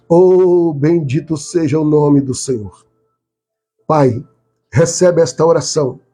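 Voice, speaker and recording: Fervent pastor crying out in prayer. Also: male voice, warm tone, slightly rough. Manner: fervent pleading prayer, rises to high cries and drops to murmurs, speaks in tongues. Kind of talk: live prayer.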